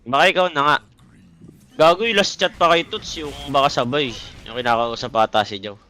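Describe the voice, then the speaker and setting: A man's voice: mid-range voice, normal speed, sharp tone, a little hiss or hum. A young man playfully ribbing his friends in casual gaming voice chat, often repeating lines for laughs. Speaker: stream co-host.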